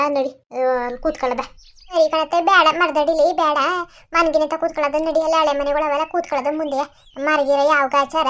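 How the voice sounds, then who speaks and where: A woman voicing a fussy, worrying old village mother who chatters and scolds quickly. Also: sits high, fairly bright tone. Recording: dull lo-fi recording.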